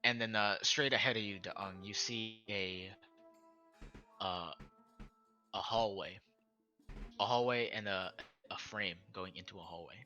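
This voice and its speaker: A man narrates as game master, painting each scene while restarting and correcting himself. His voice is low but very bright. Faint music plays in the background. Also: measured pace, pauses often, muffled recording. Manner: descriptive, with restarts and self-corrections.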